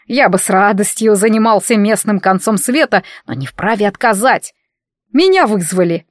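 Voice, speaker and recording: A sarcastic talking wardrobe with a man's air of mock drama, teasing and grumbling in a voice pitched a touch above a middling one, as a woman reading a fantasy audiobook puts him on. The sound is dry and close, with no room around it. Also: animated, normal speed, dry recording, close to an everyday voice.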